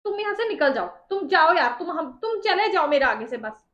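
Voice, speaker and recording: Very high-pitched scolding woman. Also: very animated, brisk, reverberant, lo-fi sound. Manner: angry, scolding and sharp-tongued. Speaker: wife in prank video. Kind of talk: staged husband-wife prank argument.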